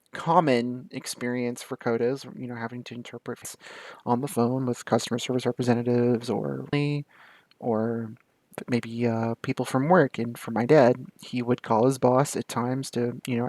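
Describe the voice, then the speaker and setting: A young man chatting to the camera in a relaxed, storytelling way. He laughs often, throws in quick asides, and his voice sits in a middle register. The sound is close and dry, with no room echo. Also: mid-range voice. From American South. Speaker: vlogger.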